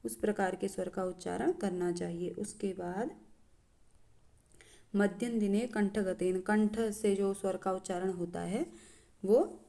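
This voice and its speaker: A woman teaching a lesson, reciting verses slowly and then explaining them with frequent pauses and fillers. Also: mid-range voice, steady tone, vocal fry, mellow. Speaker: Sanskrit teacher.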